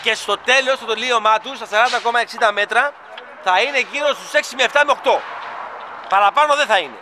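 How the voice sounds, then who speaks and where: Greek fan vlogger, high voice, eager chat, outdoor site noise behind. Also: male voice, pushed and bright. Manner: chatty, enthusiastic, addresses viewers as "guys". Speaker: fan vlogger filming a stadium construction site. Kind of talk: casual handheld vlog commentary. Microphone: camera mic, filming handheld.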